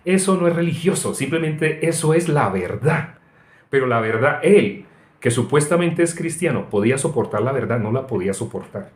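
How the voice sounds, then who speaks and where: A man's voice: mid-range voice, normal speed. Preacher man, echoey room. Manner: animated, tells anecdotes, mocks voices, frequent laughs. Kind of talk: informal sermon with personal stories.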